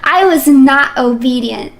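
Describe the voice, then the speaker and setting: High-voiced, teasing young woman streamer. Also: unhurried. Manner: teasing, playful, mock-defiant. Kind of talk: live game stream commentary.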